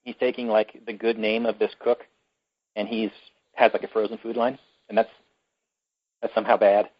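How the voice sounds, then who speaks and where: A man's voice: fairly low pitch, level tone, normal speed, dry recording, muffled recording. A man co-hosting a podcast, retelling a film plot in casual chat with many fillers and restarts. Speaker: podcast co-host.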